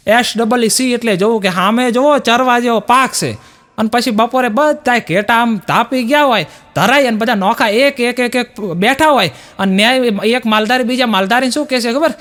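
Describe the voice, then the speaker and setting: A man with a Gujarati accent performs stand-up comedy in a very high voice. He spins folksy village jokes and plays out each exchange with a playful touch. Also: fairly bright tone. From Gujarat, India. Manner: playful, folksy storytelling with acted dialogue.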